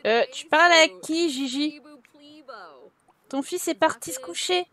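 A woman's voice: sits high, measured pace, fairly bright tone. A young woman chatting casually over her gameplay, talking to her characters and giggling often. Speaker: gameplay YouTuber. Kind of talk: casual let's play commentary.

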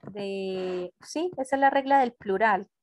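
A woman gives an online English lesson in an unhurried, patient way, often pausing to check understanding. Her voice sits at a middle pitch and is recorded close and dry on a computer mic. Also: a little mellow, no echo. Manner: slow, patient explaining with frequent checks. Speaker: English teacher. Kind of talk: online class explanation. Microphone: computer mic on a video call.

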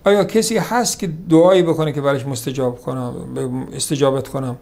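Gravelly-voiced man preaching. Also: medium pitch, steady tone, darkish tone. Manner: slows to recite Arabic hadith, then explains in Persian; conversational lecturing, repeats points. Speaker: religious teacher. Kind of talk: sermon on hadith.

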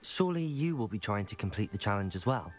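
A man's voice: fairly low pitch, very animated, quick pace, faint music behind. A man voicing a young male student in a game, who speaks in polite, questioning lines. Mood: curious. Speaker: player character.

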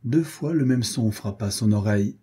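A man reading a swashbuckling novel aloud as an audiobook narrator, in a measured, expressive way. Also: lowish voice, breathy edge. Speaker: audiobook reader. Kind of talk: scripted narration.

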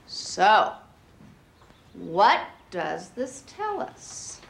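A wry divorced teacher. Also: female voice, mid-range voice, very animated, drawn-out words, vocal fry, exaggerated voice. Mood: playful. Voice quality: dry, teasing delivery. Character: wry, quick-witted divorced woman teacher. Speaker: lead character, teacher and single mother. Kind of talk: TV film acting.

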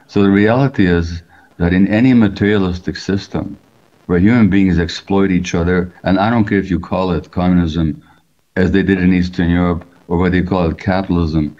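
An older man with a very low, mellow voice explains his ideas slowly and deliberately, now and then posing rhetorical questions. He speaks from a room at home over a video call, and the sound is dull and lo-fi. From Hungary. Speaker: physician and author. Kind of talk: reflective interview answers over video call. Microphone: video call webcam.

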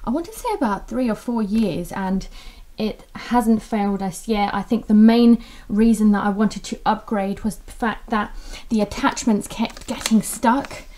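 A woman's voice: medium pitch, unhurried, mellow. A woman in her thirties chatting casually to a handheld camera in her living room, rambling with lots of fillers. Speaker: home vlogger. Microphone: handheld camera at arm's length.

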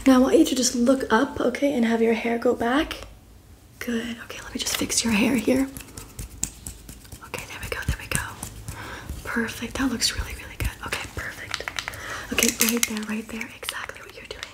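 A woman in her twenties doing a fast ASMR whispered role-play as an encouraging beauty and photo professional, repeating short phrases up close. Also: fairly high pitch, steady tone, lightly acted. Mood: upbeat, encouraging. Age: 20s. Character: brisk, encouraging female makeup artist, photographer and spa worker. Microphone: close, facing the camera.

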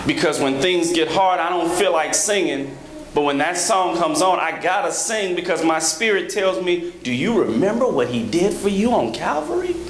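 A man in his thirties preaching a sermon from a church pulpit on a handheld microphone, rhythmic, rising to emphatic high peaks, with joking asides to the congregation. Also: lively intonation, moderate pace. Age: 30s. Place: large church sanctuary, at a pulpit. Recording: echoey church hall with background noise.

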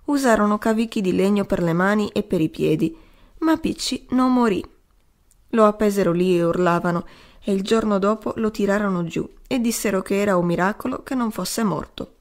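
A woman's voice: medium pitch, normal speed, natural voice. A woman voicing a broken, grieving old male adventurer who rambles and keeps pleading "sir" at his listener. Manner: pleading, repeating "signore".

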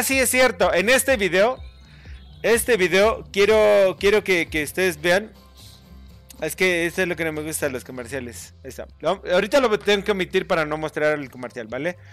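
A man's voice: high-pitched, lively intonation, normal speed, a bit bright, dry recording, soft background music. A man hosting a casual screen-recording tutorial, rambling as he reads out view counts and corrects viewers' spelling. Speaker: YouTube gamer and channel host.

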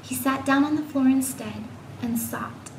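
A woman giving an informal read-aloud of a classic children's novel, voicing the characters gently. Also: high voice, unhurried. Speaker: reader. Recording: echoey room with faint noise.

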